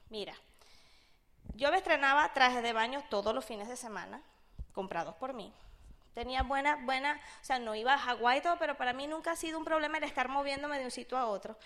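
A woman's voice: high-pitched, a bit bright. A woman in her thirties with a Venezuelan accent, telling a personal business story in a chatty way and acting out what people said. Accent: Venezuelan Spanish. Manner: chatty, acts out quotes, keeps asking "¿sabes?". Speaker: speaker sharing a business testimony. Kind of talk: animated storytelling to an audience.

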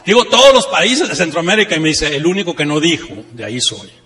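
This motivational seminar talk, peppered with anecdotes, comes from a Monterrey-born trainer whose northern Mexican accent rings through an echoey, long-reverb hall. He's very animated and talks fast, his fairly high voice bright and forceful. Rhetorical questions and emphatically repeated key phrases drive his points to the audience.

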